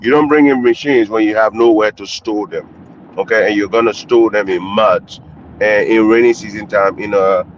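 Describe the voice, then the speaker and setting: Speaking at normal speed in a lowish voice, a Liberian caller comments on the news from inside a moving car. He's on a car speakerphone, blunt and candid in a casual call-in manner. Faint road noise comes through the muffled, lo-fi phone line.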